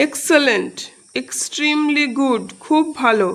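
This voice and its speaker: A woman's voice: high voice, drawn-out words, a bit bright, poor audio. A woman, teaching a lesson by reading out words one by one and giving their meanings. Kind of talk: slow classroom-style lesson explanation.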